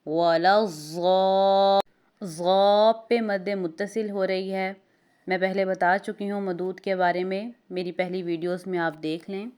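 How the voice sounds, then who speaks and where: A woman teaching Tajweed, spelling out letters and vowel marks one by one and chanting verses slowly. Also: medium pitch, steady tone, a little mellow, clean tone. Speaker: Quran recitation teacher. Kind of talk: Tajweed lesson with slow recitation.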